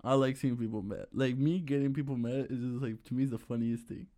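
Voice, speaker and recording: A man's voice: mid-range voice, steady tone, fairly quick, warm tone. A young man from Chicago, a podcast guest, rambling and laughing as he tells a story and acts out both sides of an argument. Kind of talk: casual storytelling chat.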